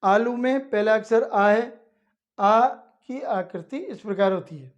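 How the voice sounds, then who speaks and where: A woman's voice: mid-range voice, slow, muffled recording. A woman teaching young children, explaining each step patiently and repeating it plainly. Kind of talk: slow step-by-step lesson for children.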